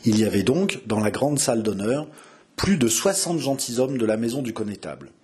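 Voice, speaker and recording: Male audiobook narrator, measured expressive storytelling, mid-range voice. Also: medium pitch, breathy edge.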